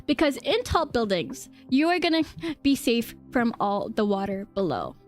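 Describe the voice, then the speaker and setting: A woman with a high-pitched voice chats to her livestream viewers as she explains things. Her delivery is informal and giggly, with phrases often repeated. Music plays behind her. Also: big pitch swings, moderate pace. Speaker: livestream host.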